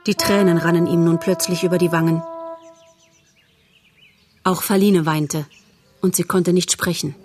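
A woman narrating a children's animal story in a calm, measured audiobook style. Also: lowish voice, soft background music.

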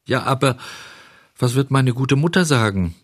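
A man's voice: mid-range voice, animated, normal speed, dry recording, studio quality, voice pushed up, natural voice. A man voicing a wooden puppet boy who speaks in a hesitant, wavering, pleading way.

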